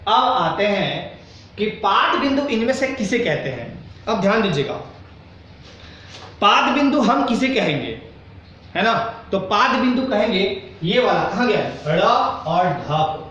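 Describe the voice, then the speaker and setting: A man's voice: high-pitched, big pitch swings, unhurried, bright, forceful tone, very echoey, far from the mic, lo-fi sound. A male Hindi teacher giving a grammar lesson to a class, asking questions often and acting out students' doubts. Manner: acts out students' doubts in quoted asides.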